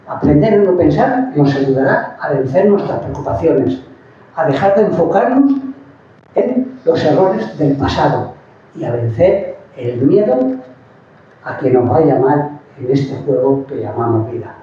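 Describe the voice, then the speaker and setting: A man speaking calmly and thoughtfully about quieting the mind, in a measured reflective talk. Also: on the high side. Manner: calm, measured, pausing. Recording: distant, roomy and dull with faint noise.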